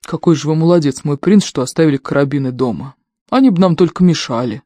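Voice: mid-range voice, fast talker, dark tone, dry recording, lightly acted. An audiobook reader voicing a sardonic, loyal male servant who banters with dry mockery. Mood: mocking. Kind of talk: audiobook character voice.

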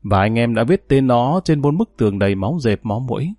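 A man's voice: mid-range voice, lively intonation, a little fast, warm tone, no room sound, studio quality, lightly acted. A man reading an audiobook, voicing a tough, menacing male gang leader who talks in harsh threats. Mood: calm, lecturing.

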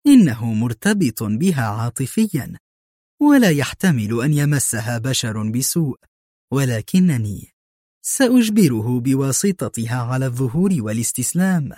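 A man voicing a cold, cunning female spy who speaks in sharp, harsh, mocking tones. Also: mid-range voice, big pitch swings, moderate pace, no room sound, studio quality. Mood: gloating.

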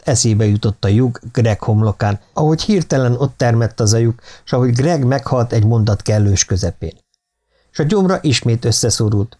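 Steady male audiobook narrator. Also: medium pitch. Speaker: audiobook reader.

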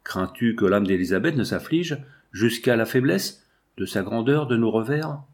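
A man's voice: medium pitch, expressive, normal speed, close to an everyday voice. A man reading as a tender, anxious mother. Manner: tender, gently questioning.

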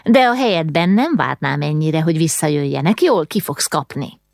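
A woman's voice: low-pitched, expressive, creaky, darkish tone, no echo, studio quality. A woman reading an audiobook, voicing a cheeky, outspoken little girl who scolds and mocks. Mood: scolding. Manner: mocking, scolding. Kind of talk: audiobook character voice.

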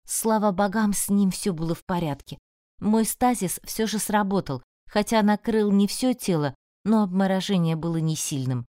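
Mellow-voiced woman narrating a story. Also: medium pitch, normal speed, no room sound, studio quality. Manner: expressive, emotional storytelling. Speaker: audiobook narrator. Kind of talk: first-person audiobook narration.

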